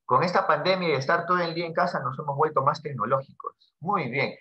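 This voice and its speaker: A man's voice: on the high side, fast. A man with a Peruvian accent teaching a casual lesson, joking with a student and tagging his sentences with little questions. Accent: Peruvian Spanish. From Peru. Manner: chatty, jokey, peppers lines with tag questions. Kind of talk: casual classroom lesson dialogue. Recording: dull lo-fi audio.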